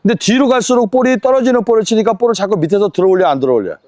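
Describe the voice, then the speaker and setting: A man coaching a tennis lesson on court, counting drills and firing quick rhetorical questions at his student. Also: sits high, expressive, darkish tone, no echo.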